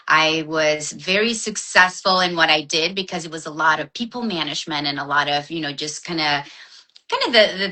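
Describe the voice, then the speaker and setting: A woman from the Dominican Republic in her forties, a guest entrepreneur chatting casually on a video call and telling her story with lively quoted asides. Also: lowish voice, low-quality recording. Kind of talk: casual interview chat.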